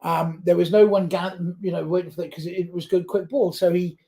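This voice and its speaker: A man commentating live on a rugby match who gets excited and breaks into shouts at big plays. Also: high-pitched, a little fast, gravelly.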